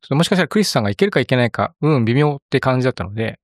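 A middle-aged man hosting a casual podcast, giving chatty announcements at a brisk clip. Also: mid-range voice, sing-song, no echo, studio quality. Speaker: podcast host.

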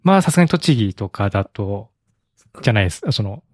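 A man from Ibaraki chatting on a podcast, talking quickly with many fillers. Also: fairly low pitch, sing-song, dry recording, clean studio sound. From Ibaraki, Japan. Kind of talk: casual chat.

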